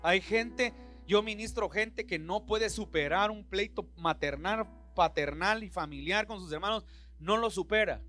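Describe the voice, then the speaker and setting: A man's voice: sits high, unhurried, sharp tone, soft background music. A man preaching a passionate sermon in a church, with a Central American Spanish accent, acting out Bible scenes in different voices. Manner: impassioned, acts out Bible dialogue in voices. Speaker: pastor.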